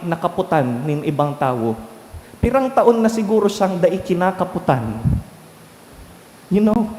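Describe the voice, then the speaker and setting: Slow, mellow-voiced priest in an echoey church. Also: male voice, sits high, slight background noise. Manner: slow, unhurried homily mixing Bikol and English. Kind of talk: sermon. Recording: echoey church with long reverb.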